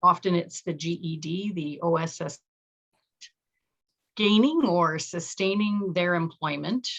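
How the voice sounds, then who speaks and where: Slow woman on a choppy, uneven call. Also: fairly low pitch, a bit bright. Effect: uneven volume, audio cutting in and out. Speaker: program coordinator presenting. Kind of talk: presenting slides on a video call. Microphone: video call.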